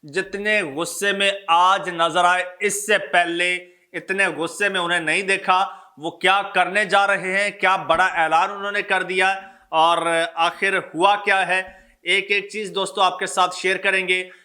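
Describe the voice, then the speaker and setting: This political commentary host speaks with a Pakistani accent, hammering his points by repeating phrases as he talks to viewers. His high, sharp voice barely moves in pitch, and he takes an unhurried pace.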